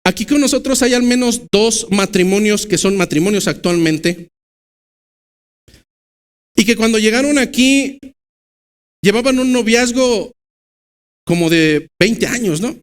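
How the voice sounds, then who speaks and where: High-voiced Mexican pastor preaching. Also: male voice, lively intonation, clear, resonant tone. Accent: Mexican Spanish. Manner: preaching with swings from loud emphatic bursts to low slow stresses. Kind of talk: sermon. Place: church.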